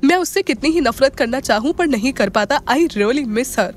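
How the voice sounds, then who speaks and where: A woman's voice: high voice, lively intonation, normal speed, soft background music. A woman voicing an angry, remorseful young husband in an audio drama, talking in a heated, pleading way.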